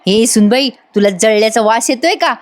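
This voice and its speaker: A man's voice: sits high, moderate pace, natural voice. A woman voicing a teasing old father-in-law in a spoken serial retelling. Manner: playful, needling.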